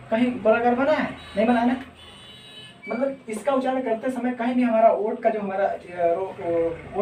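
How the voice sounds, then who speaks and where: A woman's voice: mid-range voice, a little mellow, a little hiss or hum. A woman gives a grammar lesson in a room with a noticeable echo. She stands some way back from the microphone, so her voice sounds distant and roomy. She keeps asking rhetorical questions, answers them herself, and draws out each vowel as an example. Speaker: teacher. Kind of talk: exam-prep grammar lesson.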